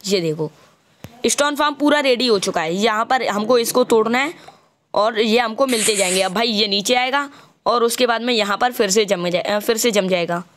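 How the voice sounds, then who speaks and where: A man with a fairly high voice talks casually over his gameplay. He explains every move to the viewer in a chatty, brotherly way. When he slips up, he says so out loud and fixes it on the spot. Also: normal speed, a little hiss or hum. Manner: chatty, talks the viewer through each step, often calls the viewer "bhai". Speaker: gaming channel host. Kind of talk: casual Minecraft gameplay commentary.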